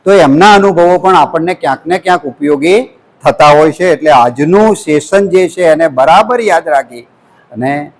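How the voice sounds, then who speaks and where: Gujarati man running a class workshop, high voice, lively and chanting with students. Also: moderate pace, rough recording. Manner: lively, leads call-and-response chants. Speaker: workshop instructor. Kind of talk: classroom lecture to student teachers. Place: college lecture hall.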